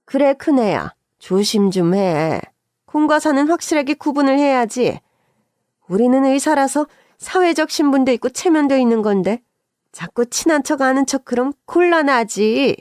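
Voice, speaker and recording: A woman's voice: high voice, lively intonation, normal speed, a little mellow, dry recording, clean studio sound, voice pushed up. A woman voicing a stern, status-proud older mother-in-law who lectures bossily, in a dramatized radio story. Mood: stern lecturing. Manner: bossy, lecturing.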